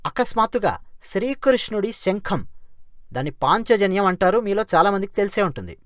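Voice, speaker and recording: A regular storyteller retelling an ancient epic in a casual, spirited way, posing rhetorical questions to the audience as the story moves along. The voice sits at a middle pitch, recorded dry and close with no room sound. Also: dry recording. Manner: lively, asks rhetorical questions.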